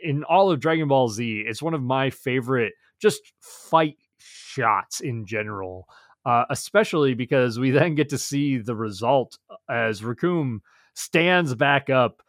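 A man's voice: mid-range voice, animated, unhurried, no room sound, studio quality. A man co-hosting a podcast, chatting casually and gushing enthusiastically as he reviews episodes. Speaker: podcast co-host.

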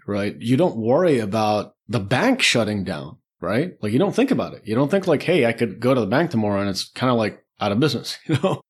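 Breathy at the edges, his mid-range voice carries informal personal stories as a podcast guest. He's in his forties, with ties to Lebanon, the Czech Republic and the UAE, and he acts out his remembered thoughts along the way.

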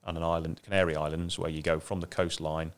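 A man's voice: very deep voice, little pitch movement, fast, clean tone. A man, chatting casually as a guest, rambling and self-deprecating. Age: 50s. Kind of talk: casual chat.

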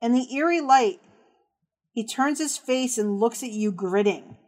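A woman game master giving hushed, suspenseful narration of a tabletop horror game, setting each scene deliberately and descriptively. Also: on the high side, animated.

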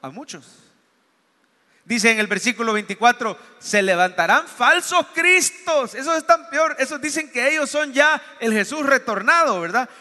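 A man's voice: very high voice, normal speed. A man preaching a sermon as a pastor, telling the story with acted-out dialogue. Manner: animated storytelling, acts out dialogue. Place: church. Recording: long hall reverb.

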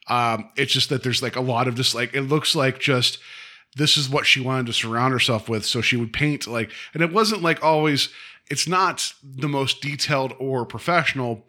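A man's voice: medium pitch, pushed and bright. A man co-hosting a casual podcast chat, rambling and packing his talk with "like" fillers. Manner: rambling, full of "like" fillers, laughs often. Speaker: podcast co-host.

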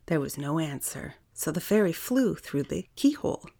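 A woman reading a children's story aloud in a calm, unhurried way. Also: low voice, creaky.

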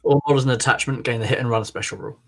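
A man co-hosting a podcast who reads out tabletop rules in a brisk, matter-of-fact way. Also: mid-range voice. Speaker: podcast co-host. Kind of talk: reading out game rules in casual chat. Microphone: remote call.

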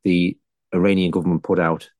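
A man's voice: deep voice, flat delivery, a little fast, darkish tone, dry recording, studio quality. A man giving historical commentary in a conversational style.

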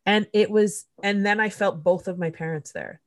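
A Canadian woman with a medium-pitched voice hosts a podcast, speaking at a moderate pace. In casual conversation she shares a candid, emotional personal story, swearing bluntly as she goes.

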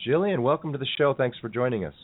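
A man's voice: medium pitch, animated, quick pace. A man hosting a radio interview in a friendly, conversational way, and he is losing his voice. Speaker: radio show host. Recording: tinny phone-like line.

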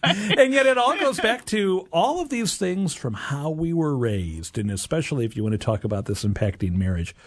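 A man's voice: on the high side, very animated, moderate pace, hardly any pauses, dry recording, studio quality. A man, middle-aged, hosting a radio show in a casual, conversational style.

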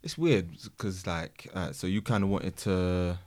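A man's voice: deep voice, measured pace, a little mellow. A young man with an urban London accent, reflective and slangy as he talks things through in casual group chat. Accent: London, urban slang speech.

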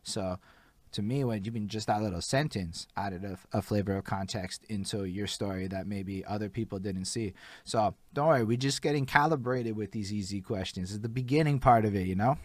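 Man, host, chatty and eager, low voice, dry close recording. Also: fairly quick, no echo. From Montreal. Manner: enthusiastic, conversational, swears casually. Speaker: podcast host. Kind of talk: casual interview talk.

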